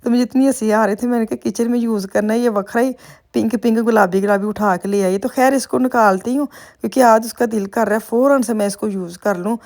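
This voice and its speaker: A woman's voice: a little high, brisk, darkish tone. A middle-aged woman from Pakistan with a Punjabi accent, chatting in a rambling, homely way as she narrates her daily vlog. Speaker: vlogger. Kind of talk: casual vlog voice-over.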